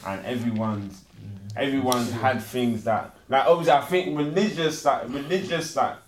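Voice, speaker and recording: A man's voice: mid-range voice, fairly even intonation, normal speed. A young man with an urban London accent, explaining his view in a casual group debate, with slangy tag questions. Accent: London, urban British slang. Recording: echoey room.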